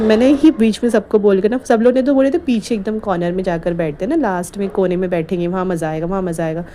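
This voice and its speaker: Mellow-voiced woman narrating a home vlog. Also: lowish voice, a little hiss or hum. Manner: rambling, animated storytelling with frequent laughter. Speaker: home vlogger. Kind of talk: chatty voice-over narration. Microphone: voice-over recorded while editing.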